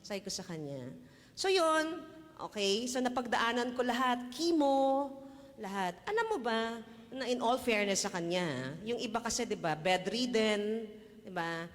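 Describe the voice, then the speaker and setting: A woman's voice: a little high, lively intonation, measured pace, long reverb tail. A woman with a Filipino accent giving a casual personal faith testimony, chatty, laughing often and tossing in tag questions. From Philippines. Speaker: church testimony speaker.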